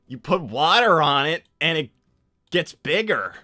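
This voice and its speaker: A man's voice: fairly high pitch, sing-song, a little slow, pushed and bright, no room sound, studio quality, heavily acted. A man voicing a casual, slightly awkward young cartoon hedgehog, rambling hesitantly through an improvised livestream Q&A. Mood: casual, unsure.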